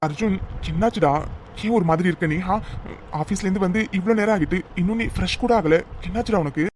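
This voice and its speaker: A man's voice: sits high, fast talker, background noise, lightly acted. A man voicing a concerned young friend in a cartoon drama, asking direct, pressing questions.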